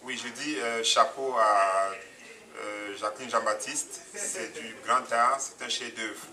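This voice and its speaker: A man from Cameroon, speaking from the audience, offers spontaneous and earnest public praise for a documentary, hesitating, using many fillers and restarting often. His voice is medium-pitched, fairly even, slow, pushed and bright. The mic is distant and crowd noise is audible.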